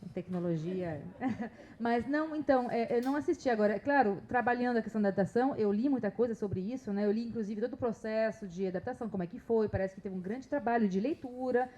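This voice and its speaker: A woman's voice: fairly high pitch, fast talker, dark tone, slight background noise. A woman with a slight Bahian Brazilian accent, a literature scholar speaking chattily on a panel with frequent tag questions. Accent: slight Bahian Brazilian Portuguese. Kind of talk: panel talk.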